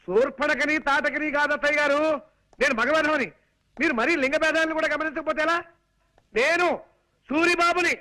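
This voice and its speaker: An actor playing an excitable young suitor who talks theatrically in a film comedy. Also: male voice, extremely high pitch, quick pace, rough recording. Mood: exasperated. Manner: theatrical, over-explaining. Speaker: comic suitor.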